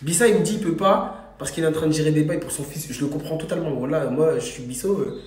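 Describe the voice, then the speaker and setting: A man's voice: fairly high pitch, fast, a little mellow, slight background noise. A young man with a French banlieue accent talking casual street slang into a handheld phone, repeating himself insistently. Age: young adult. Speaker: social media vlogger. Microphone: phone at arm's length. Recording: echoey handheld phone recording.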